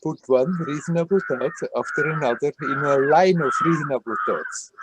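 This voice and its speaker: A man giving a spiritual satsang talk on a video call, gentle and laughing often as he speaks. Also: fairly high pitch, normal speed, heavy background noise. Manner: gentle, laughs often, repeats words playfully. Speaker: spiritual teacher.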